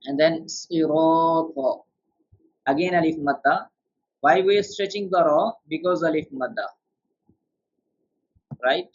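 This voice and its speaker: A man's voice: fairly high pitch, normal speed, long pauses, husky. Man teaching tajweed in a quizzing tone. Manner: patient, quizzes the student with questions. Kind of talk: step-by-step beginner lesson. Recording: dull lo-fi sound.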